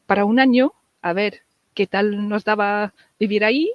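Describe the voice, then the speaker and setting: A woman's voice: medium pitch, a little slow, no echo. English woman speaking spanish w andalusian accent, casual interview, repeats herself a bit, dry slightly muffled audio. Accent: English-tinged Andalusian Spanish. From England. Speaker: interview guest, English teacher.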